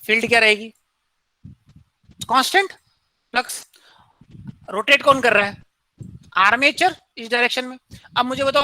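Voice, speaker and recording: A man with a very high-pitched, sharp-toned voice gives a classroom engineering lecture, asking students questions and answering them himself while mixing in English technical terms. The audio quality is poor.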